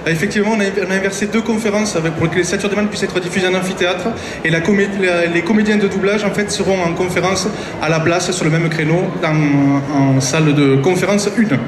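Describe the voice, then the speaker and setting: High-pitched male host in an echoey hall. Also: fairly even intonation, quick pace, background noise. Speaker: event host. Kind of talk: live stage announcing. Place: large convention hall stage. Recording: echoey PA, music and crowd behind.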